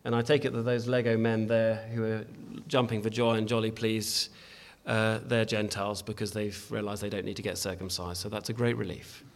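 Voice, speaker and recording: A man's voice: fairly low pitch, flat delivery, brisk, hardly any pauses. A man preaching a sermon in a church, earnest and emphatic, often restarting his phrases as he exhorts the congregation.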